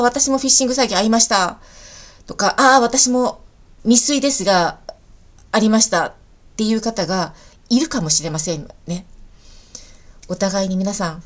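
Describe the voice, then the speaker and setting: A woman hosting a podcast lesson and explaining things patiently and warmly to learners. She is from the Kansai region. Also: lowish voice. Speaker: Japanese teacher and podcast host. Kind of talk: podcast lesson monologue in easy Japanese.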